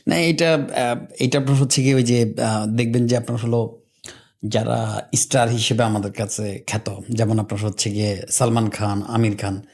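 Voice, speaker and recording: A man's voice: medium pitch, steady tone, moderate pace, darkish tone. A man hosting a podcast in casual conversation. He hesitates and circles around his point as he talks. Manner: hesitant, with fillers and restarts.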